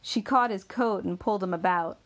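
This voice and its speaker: A woman reading a novel aloud in measured, steady audiobook narration. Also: medium pitch.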